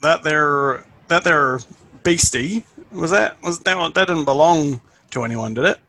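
A man's voice: fairly high pitch, lively intonation, measured pace, bright, forceful tone, no room sound, heavily acted. A man voicing a cheeky male adventurer in a tabletop game, hesitant and repeating his phrases as he rambles. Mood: hesitant, wheedling.

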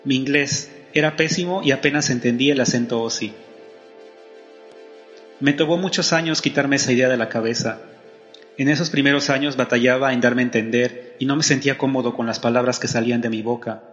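A man with a Mexican Spanish accent, narrating in a measured, reflective way and asking questions as host. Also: medium pitch, a bit bright. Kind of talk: scripted narration. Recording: dull sound with reverb over music.

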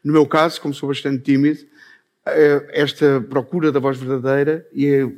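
A man with a Portuguese accent giving a talk on stage about improvisation, speaking thoughtfully with frequent pauses. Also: medium pitch, little pitch movement, a little mellow. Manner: thoughtful, pausing often. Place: on a stage before an audience.

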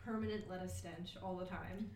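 A woman's voice: fairly low pitch, steady tone, moderate pace. A woman in a casual chat complaining about her apartment in an exasperated way. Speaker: podcast guest. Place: apartment room. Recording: roomy with loud hiss.

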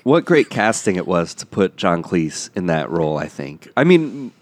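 A man's voice: sits low, sing-song, moderate pace, slight background noise. A man, an improv comedy performer, chatting casually and self-deprecatingly, often laughing. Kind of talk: casual chat.

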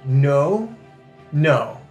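A man's voice: a little high, animated, drawn-out words, a little mellow, lo-fi sound, faint music behind. Man running a tabletop game. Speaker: game master. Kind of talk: casual tabletop game narration.

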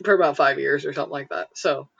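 Woman, bright tone, rambling casual chat full of fillers, dry and dull recording. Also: sits low, fairly even intonation, quick pace, vocal fry, breathy edge, no room sound. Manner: rambling, lots of likes and uhs, giggly. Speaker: friend chatting.

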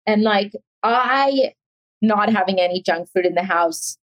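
A woman's voice: medium pitch, measured pace, low-quality recording. A young adult woman from South Africa, a chef talking as a guest in a casual interview, chatty and rambling with many fillers.

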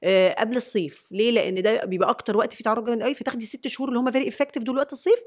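Egyptian woman, rapid-fire emphatic talk, fairly high voice, podcast doctor. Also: fairly even intonation. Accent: Egyptian Arabic. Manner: emphatic, explains with rhetorical questions. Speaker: dermatologist guest. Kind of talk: casual podcast chat.

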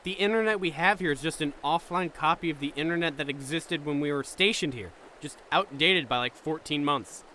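Bossy exasperated corporal as a man voices him, bright tense voice, slightly high, faint hum behind, comedic audio drama. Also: a little fast, hardly any pauses. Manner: barking orders, impatient.

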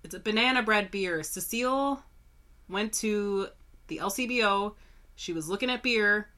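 A woman's voice: medium pitch, normal speed, pushed and bright. A woman co-hosting a podcast in casual, sweary chat, a little nasal and congested from a cold. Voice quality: nasal, stuffed up. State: sick with a cold. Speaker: podcast co-host.

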